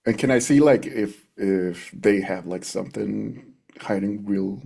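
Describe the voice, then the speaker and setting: A man playing a tabletop role-playing game, improvising casually in short, halting replies. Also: lowish voice, creaky, mellow, husky.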